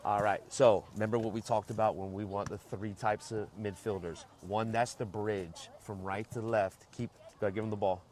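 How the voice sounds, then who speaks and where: A man gives a soccer team its pre-game and halftime pep talk, issuing instructions, repeating key points and checking understanding with short questions. His voice is fairly low and darkish with a steady tone. He speaks at a moderate pace, with hardly any pauses.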